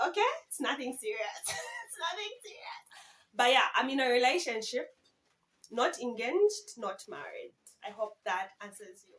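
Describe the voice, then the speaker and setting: A woman's voice: high-pitched, a bit bright, low-quality recording. A woman in her twenties from Zambia, chatting casually and playfully in a Q and A vlog, often breaking into giggles. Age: 20s. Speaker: YouTuber. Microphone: camera phone.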